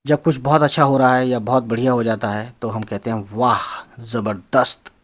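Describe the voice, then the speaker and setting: A man's voice: medium pitch, fast talker. A man teaching English slang words, spelling them out and repeating them in a casual explanatory lesson. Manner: spells words out and repeats phrases, addresses viewers as friends.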